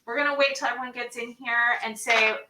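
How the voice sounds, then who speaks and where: A woman's voice: on the high side, fairly even intonation, a little fast, sharp tone. A woman leading a chatty, encouraging pre-show pep talk for her cast over a video call. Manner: chatty and encouraging, sings snippets. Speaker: theatre director. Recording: echoey room, distant from mic.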